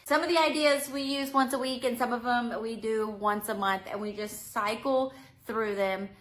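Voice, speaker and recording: A woman's voice: fairly high pitch, steady tone, normal speed, a bit bright. A woman with an American accent giving a preschool teaching demonstration, with simple step-by-step instructions and firm classroom rules. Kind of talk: teaching demonstration, addressing young children and fellow teachers.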